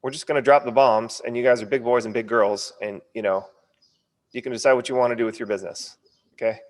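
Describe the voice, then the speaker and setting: A man's voice: medium pitch, fairly even intonation, quick pace. Numb-lipped, stumbling American man in reverberant sound. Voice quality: stumbling, numb-lipped speech from a partly numb lip. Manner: informal, punchy, frequent check-in tags. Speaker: online course coach. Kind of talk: casual sales training webinar.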